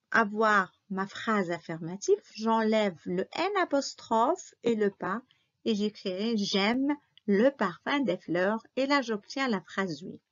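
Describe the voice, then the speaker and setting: A woman teaching a grammar review lesson, patiently repeating and spelling out each example. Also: fairly high pitch. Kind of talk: slow classroom grammar review. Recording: dull lo-fi recording.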